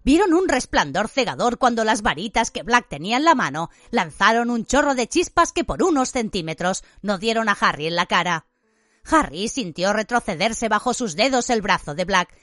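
A woman narrating an audiobook in an expressive, vivid reading style. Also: mid-range voice, dry recording, studio quality.

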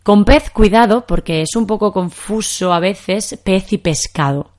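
A woman's voice: mid-range voice, unhurried, darkish tone. A young woman from Spain with a Castilian accent, teaching Spanish in a podcast lesson and explaining patiently with examples.

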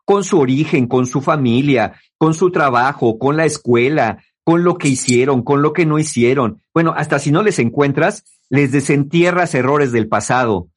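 A man hosting a talk on relationships, explaining to his listeners in a lively way. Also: on the high side, normal speed, few pauses. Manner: lively, acts out quoted people in mocking voices. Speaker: host giving relationship advice.

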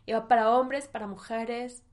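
A woman's voice: a little high, steady tone, moderate pace. A young woman with a Mexican accent hosting a personal podcast monologue, candid and emotional, sometimes close to tears. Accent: Mexican Spanish. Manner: emotional, tearful at times, candid and slangy. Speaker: podcast host.

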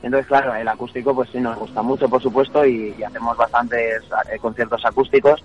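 A man's voice: medium pitch, steady tone, fairly quick, husky. A man from a band answering as a guest in a radio interview, earnest and thoughtful. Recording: slightly dull radio sound.

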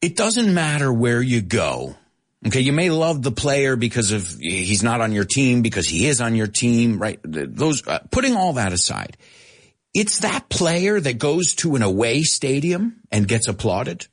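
A man hosting a lively radio show that teaches English, reading out listener messages and explaining phrases. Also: medium pitch, unhurried. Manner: energetic, reads listener chat messages aloud and explains phrases.

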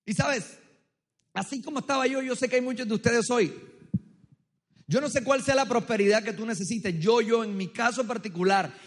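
A married male pastor with a loud, strong voice, preaching a humorous sermon, telling stories and quizzing the crowd. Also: extremely high pitch, normal speed. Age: adult, married. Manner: joking, storytelling, quizzing the crowd. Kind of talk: humorous sermon with audience interaction. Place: large church hall with tiered seating. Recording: long reverb of a big hall.

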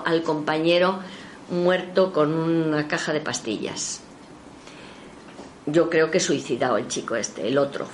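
A woman telling a spiritualist story in a casual spoken anecdote, her voice leaping in pitch when she quotes others. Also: a little hiss or hum. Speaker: storyteller recounting a spiritualist session.

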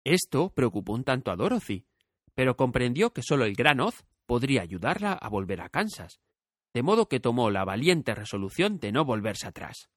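A man narrating a storybook audiobook with clear, steady storytelling. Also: medium pitch, no room sound, studio quality.

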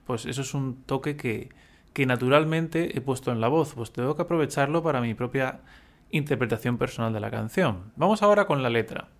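A man's voice: medium pitch, fairly quick. A man teaching a music lesson, patiently explaining step by step and humming examples.

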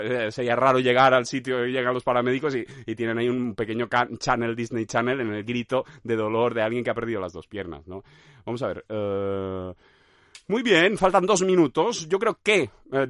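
A man hosting a podcast, musing in a rambling monologue with many filler tags and bursts of high nonsense cries. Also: fairly bright tone, dry recording, studio quality. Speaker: podcast host.

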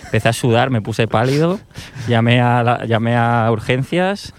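A man's voice: medium pitch, moderate pace, slight background noise. A young man from Spain, telling a story in a casual, slangy, joking chat. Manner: slangy and joking, recounts with quoted reactions. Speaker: podcast co-host.

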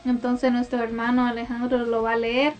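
A woman with a high voice leads a casual devotional talk. She speaks gently and conversationally, with small laughs. Faint music plays in the background. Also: monotone, moderate pace, lo-fi sound. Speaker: host of a Bible talk.

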